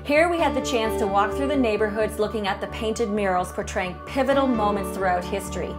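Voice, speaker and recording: A woman's voice: medium pitch, a little fast. A middle-aged woman hosting a travel vlog, narrating the sights in an upbeat, descriptive way. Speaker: travel vlogger host. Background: background music.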